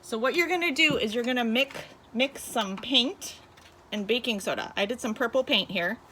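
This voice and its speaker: A woman's voice: a little high, moderate pace, sharp tone, slight background noise. A woman talking like a kids show host, in a child-directed, sing-song teacher's manner, guiding young viewers through a hands-on demonstration. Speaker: children's teacher presenting a home activity. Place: inside a home.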